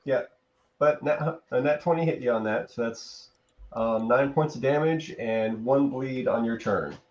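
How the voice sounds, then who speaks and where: A man acting as game master, calmly making rulings in a tabletop game over voice chat. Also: medium pitch, measured pace, lo-fi sound, a little hiss or hum.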